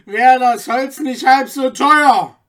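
Brief: hot-headed old soldier, loud, slow sneering rhymes, narrator voicing him. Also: high-pitched, pitched above the performer's own voice. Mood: mocking. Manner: loud, rhyming, mocking. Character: wild hot-tempered old soldier man.

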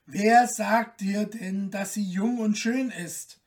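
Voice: mid-range voice, slow pace, recorded from a distance. A reader doing a troubled stork caliph. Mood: earnest.

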